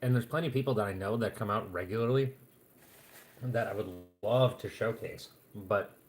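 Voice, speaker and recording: A man's voice: lowish voice, normal speed, darkish tone, slight background noise. A man chatting casually to viewers on a live stream at home, rambling along with plenty of fillers and restarts.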